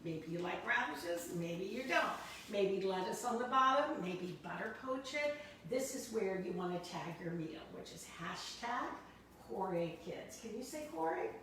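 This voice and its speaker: A woman's voice: mid-range voice, lively intonation, a little slow, a bit bright, far from the mic, slight background noise. A woman hosting a kids cooking class as a dietitian, upbeat and encouraging, asking leading questions. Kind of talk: friendly cooking class chat. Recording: echoey room, voice from off-mic.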